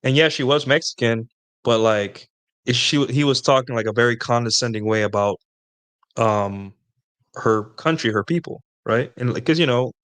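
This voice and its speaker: Casual male host, mid-pitched, loose and rambling, keeps tossing in "right?" while giving dating tips. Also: normal speed, fairly bright tone, clean tone. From Latin America. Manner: rambling, conversational, frequent "right?" tag questions. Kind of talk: casual dating advice talk.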